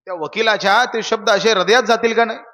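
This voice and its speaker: A man's voice: high voice, fast, pushed and bright, in a large hall. A young man preaching a kirtan sermon, telling stories and asking the audience questions. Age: young adult.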